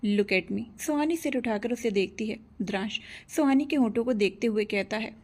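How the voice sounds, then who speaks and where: A woman narrating a romance audio serial in a steady storytelling manner, voicing every character herself. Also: on the high side, fairly quick.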